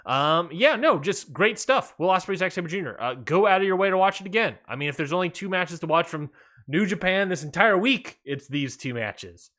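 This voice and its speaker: A man with a fairly high, rather bright voice hosts a wrestling podcast. He recaps matches with enthusiasm, rambling along with fillers and restarts.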